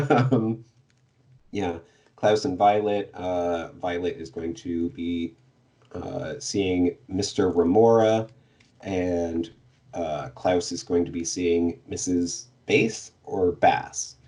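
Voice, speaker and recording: A man's voice: low voice, steady tone, slow pace, dark tone. A man co-hosting a podcast, summing up a book's plot in casual chat, hesitant with many fillers and little laughs. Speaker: podcast co-host giving the plot summary.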